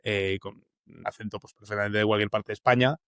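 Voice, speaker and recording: A man's voice: fairly low pitch, fairly even intonation, a little fast, fairly bright tone, clean tone, no echo, clean studio sound. A young man from Uruguay with a Spanish accent from the Valencia area, a journalist talking as a guest in a casual interview, thoughtful and full of fillers and restarts.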